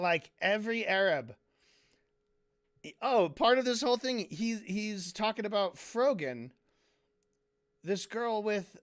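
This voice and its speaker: A man's voice: high voice, a bit bright, clear, resonant tone. A man commentating on a stream in a casual, profane way, breaking into mocking impressions.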